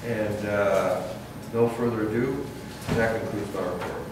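A man's voice: lowish voice, steady tone, a little slow, background noise. A man on a village council giving a friendly, casual report with many fillers. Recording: echoey council chamber from far off.

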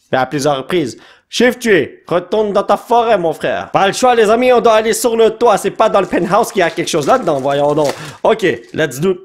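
Man, Quebec French accent, high-pitched, excitable pack-opening chatter, shouts and laughs. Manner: excitable, bursts into shouts and laughter, sprinkles English words. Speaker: card-opening channel host. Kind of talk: casual pack-opening commentary.

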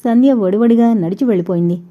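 A woman narrating an audio novel in a steady storytelling manner. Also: fairly high pitch, fast, highs cut off. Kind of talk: scripted narration.

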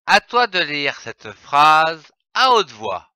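A man teaching young children to read, spelling out letters one by one and repeating each syllable slowly. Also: a little high, big pitch swings, bright, forceful tone, clean tone, no room sound, clean studio sound. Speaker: reading teacher. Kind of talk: slow, deliberate reading lesson for young children.

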